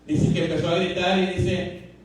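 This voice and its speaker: A man's voice: sits high, little pitch movement, normal speed. A man preaching a sermon as pastor, fervent and repetitive, full of fillers and questions to the congregation. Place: church hall. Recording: very echoey hall, mic far off.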